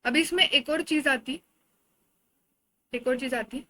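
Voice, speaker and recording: A woman's voice: high voice, measured pace, pushed and bright, poor audio. A woman with an Indian accent giving an exam-oriented lecture, explaining in a conversational way with everyday examples. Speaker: teacher.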